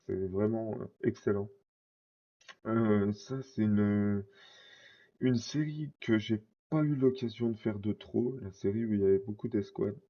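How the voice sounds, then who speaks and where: Male vlogger, casual rambling delivery, low dark voice, slightly dull recording. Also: unhurried. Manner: rambling, many fillers and self-corrections. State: scratchy throat. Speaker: card collector vlogger. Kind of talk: casual collection showcase.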